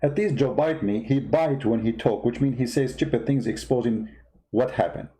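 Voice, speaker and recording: A man with a mid-range, warm voice speaks at a moderate pace. He is a host commentator, not a native English speaker, with a foreign accent, delivering heated, mocking political commentary packed with repeated rhetorical questions.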